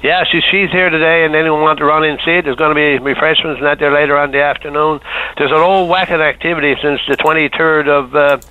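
Radio caller on a phone line. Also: male voice, a little high, steady tone, fast talker, clear, resonant tone. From Newfoundland. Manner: folksy, enthusiastic, repeats phrases. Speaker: radio show caller, town councillor. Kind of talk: casual call-in chat.

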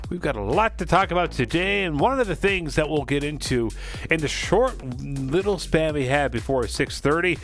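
A man's voice: a little high, expressive, normal speed, fairly bright tone, soft background music. A man hosting a morning radio show in an informal, conversational way.

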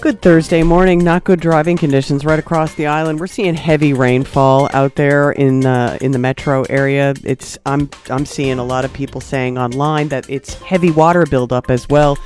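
A man's voice: on the high side, darkish tone. A man giving a chatty, informal live traffic report on the radio.

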